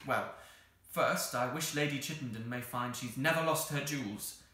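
A man's voice: medium pitch, normal speed, sharp tone, heavy reverb, pitched above the performer's own voice, natural voice. Man as an earnest, dramatic storybook girl. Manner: breathless, gushing, theatrically earnest. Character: earnest, dramatic young girl, an anxious older sister.

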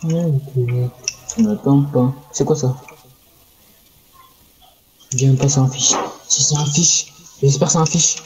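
A man's voice: medium pitch, unhurried, pauses often, darkish tone. A man streaming a game live, chatting casually, swearing and trash-talking at other players. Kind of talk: casual live gaming chat.

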